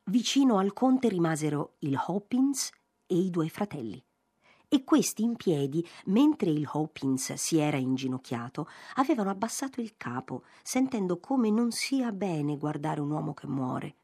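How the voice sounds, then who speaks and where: A woman with a low, husky voice reads a literary novel aloud. Her pacing is measured and expressive. The sound is close and dry, with faint music underneath. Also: no room sound. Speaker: audiobook narrator. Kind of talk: literary audiobook reading.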